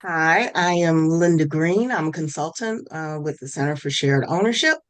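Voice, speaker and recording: An older woman introduces herself on a video call. Her voice sits fairly low and she talks at an unhurried pace. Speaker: housing consultant.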